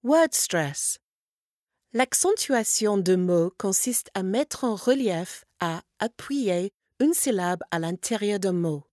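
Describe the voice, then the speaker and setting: Female course narrator, unhurried and clear, reading example words in a dry studio. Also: medium pitch, lively intonation, darkish tone, dry recording. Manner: slow, clear, reads out example words one by one. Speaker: language lesson narrator. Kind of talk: scripted instructional narration.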